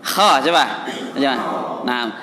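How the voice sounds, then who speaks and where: A man teaching Quran recitation in a mosque, patiently correcting students and chanting verses slowly. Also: medium pitch, a crowd in the background. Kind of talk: tajwid lesson in a mosque. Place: mosque hall. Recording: reverberant mosque hall.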